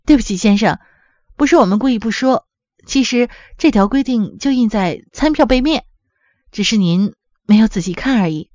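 A woman's voice: a little high, lively intonation, normal speed, darkish tone, no echo, dull audio, close to an everyday voice. A woman voicing a courteous young restaurant waitress who explains rules patiently. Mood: polite.

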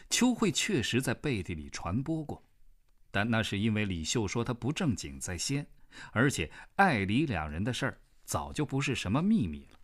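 A man narrating a novel as an audiobook reader, in measured storytelling. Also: mid-range voice. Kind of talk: scripted narration.

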